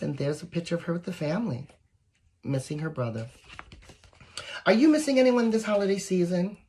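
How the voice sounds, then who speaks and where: Reading a children's picture book with expression, this volunteer pauses for asides addressed directly to the young audience. Their voice is mid-range and a touch mellow.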